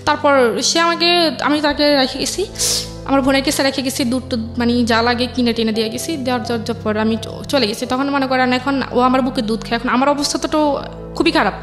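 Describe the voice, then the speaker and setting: A young woman with a Bangladeshi accent and a high voice tells her life story as an interview guest, speaking a little fast with fairly even intonation over music. Her speech is colloquial, using dialect forms, with lots of repetition and quoted dialogue from family members.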